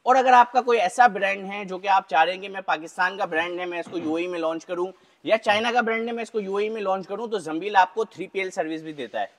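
A young man with a high, bright-sounding voice talks fast and salesy, walking through a big indoor warehouse. He keeps tacking on little check-ins as he pitches each item, and a lapel mic keeps his voice close and clear. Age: young adult. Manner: brisk salesy patter, keeps adding "theek hai". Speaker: business vlogger. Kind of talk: walk-through product pitch.

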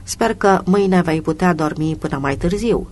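A reader voicing a middle-aged wife who asks her tired husband gentle, worried questions in an audiobook. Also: medium pitch, slight background noise, natural voice. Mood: concerned.

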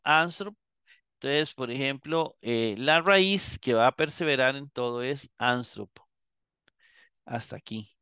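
A man teaching a live Greek class, explaining slowly and checking in with his students as he goes. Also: mid-range voice, bright, forceful tone, clear, resonant tone, dry recording. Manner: slow, explanatory, repeats and checks with "¿verdad?".

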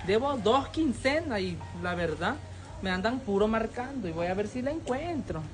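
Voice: mid-range voice, sing-song, moderate pace, close to an everyday voice. An actor playing a worried village woman in debt who comes pleading for a loan, in a comedy sketch. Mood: anxious. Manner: pleading and anxious. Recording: distant voice over loud music.

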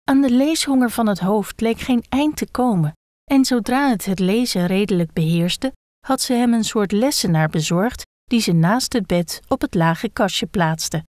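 A woman calmly reading a children's book aloud. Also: mid-range voice, normal speed, no echo, clean studio sound. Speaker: reader.

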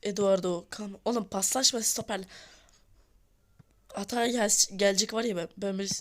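A woman giving casual gameplay commentary on a mobile football match, excitable and scolding her players, her voice sounding a little hoarse. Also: mid-range voice, moderate pace.

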